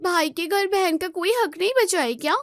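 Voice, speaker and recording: A woman's voice: moderate pace, no room sound, studio quality. A woman voicing a spoiled, bossy married daughter who whines and gives orders. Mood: complaining. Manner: shrill, whiny, commanding.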